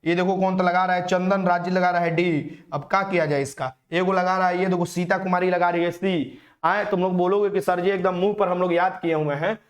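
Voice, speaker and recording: A man's voice: high-pitched, steady tone, brisk. A man teaching a live exam-prep quiz, repeating each question and teasing his students. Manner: teasing, repeats questions, mixes in English words. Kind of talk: live online quiz lesson.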